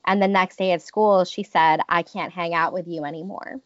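Thoughtful and hesitant, with many restarts, an American woman in her thirties tells personal stories in a reflective interview. She speaks at a moderate pace in a fairly low, steady voice. The recording has no room sound and is muffled.

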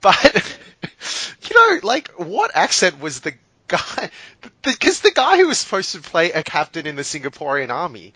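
A man co-hosting a casual film chat, animated and laughing, sometimes trailing into mumbled asides. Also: sits high, normal speed, husky, no echo. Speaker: podcast co-host.

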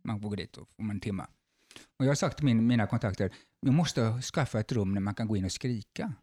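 Lively Swedish-speaking man in his fifties. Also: fairly low pitch. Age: 50s. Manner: lively storyteller, swears casually. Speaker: guest in group talk. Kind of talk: casual chat.

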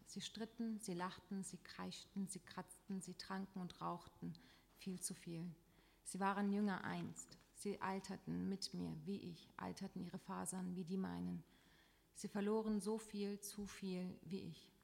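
A woman reading her literary text aloud in a slow, measured, list-like recitation. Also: fairly low pitch, creaky. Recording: echoey hall.

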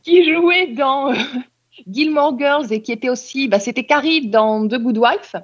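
A woman's voice: high-pitched, measured pace, dull audio. A woman co-hosting a podcast, chatting casually about TV series with frequent hesitations. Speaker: podcast co-host. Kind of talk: casual chat reviewing TV series.

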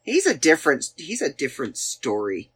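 This deep, breathy-edged voice belongs to a Canadian podcast host in her forties who swings hugely in pitch at a moderate pace. With her Canadian accent, she looks back on earlier episodes in loose conversation, wandering and thinking out loud through many fillers.

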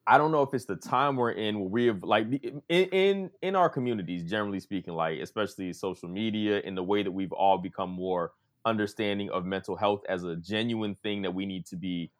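Lively man recapping a tv show. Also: fairly low pitch, fairly quick, few pauses. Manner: animated, acts out quotes of others. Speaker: podcast co-host. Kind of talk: casual chat.

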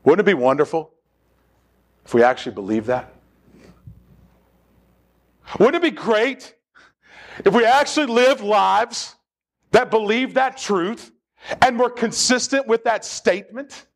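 A man's voice: sits high, sing-song, a little slow, long pauses. A man preaching a sermon as pastor in a church, leading the congregation in call-and-response. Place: church sanctuary.

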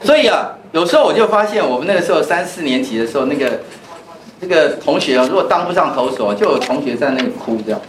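Speaking quickly in a fairly high, expressive voice, a male pastor teaches a Bible class as a relaxed conversation sprinkled with anecdotes from his own life. The room, a church classroom, is echoey and carries a faint hum of noise.

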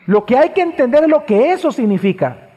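Male pastor, high voice, sermon in a church hall with long reverb; repeats lines for emphasis, loud-to-hushed swings. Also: big pitch swings, a little fast. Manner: preaching with sharp swings between loud high passages and low hushed ones.

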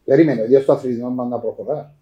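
A man's voice: mid-range voice, muffled recording, a crowd in the background. A man with a Greek Cypriot accent chatting casually about sport, often cutting in with questions.

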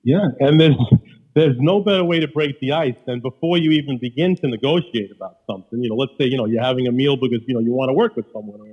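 A man's voice: medium pitch, fast, slightly rough, lo-fi sound. A man with a Queens, New York accent talking casually and emphatically as a guest, often repeating himself. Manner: emphatic, repeats himself, peppers talk with "you know". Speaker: podcast guest, restaurateur. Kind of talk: casual conversation.

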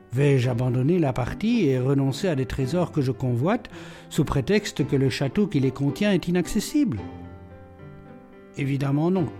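A man voicing an ironic gentleman burglar. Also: fairly high pitch. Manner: playful, ironic, self-assured. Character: witty, mocking gentleman burglar, imprisoned man. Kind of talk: audiobook reading.

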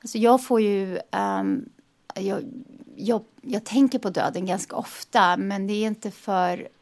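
A woman speaking calmly and reflectively in a casual conversation, taking long measured turns. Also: medium pitch. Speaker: guest.

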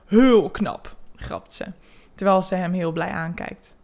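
A woman narrating a scripted erotic story in a calm, level, unhurried reading manner. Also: fairly low pitch, vocal fry.

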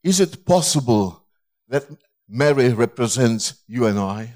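Slow-speaking male pastor preaching. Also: mid-range voice, lively intonation, darkish tone. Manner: slow, halting delivery in short phrases. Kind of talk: sermon with consecutive interpreting.

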